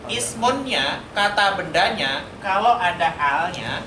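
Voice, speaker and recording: This male teacher's voice sits high, with lively intonation and a slow delivery, as he runs a call-and-response Arabic lesson in a mosque study room. His quizzing of students echoes through a roomy hall, and the recording is noisy.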